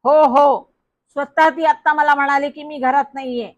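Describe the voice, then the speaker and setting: A woman's voice: sits high, steady tone, a little slow, highs cut off. Woman voicing a flustered young boy. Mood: flustered protest. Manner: flustered, protesting.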